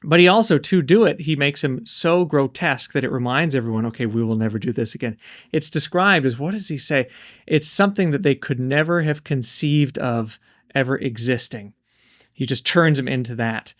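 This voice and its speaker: A man co-hosting a casual book discussion. He thinks aloud in a questioning way, with hesitant ums and uhs, at a middle pitch. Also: moderate pace, a bit bright, no echo, studio quality. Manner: thoughtful, questioning, with hesitant fillers. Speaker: book podcast co-host.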